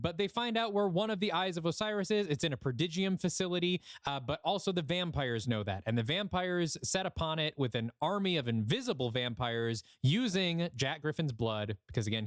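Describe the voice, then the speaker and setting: A man's voice: a little high, dry recording, studio quality. A man hosting a podcast, giving a casual recap of a story. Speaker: podcast host.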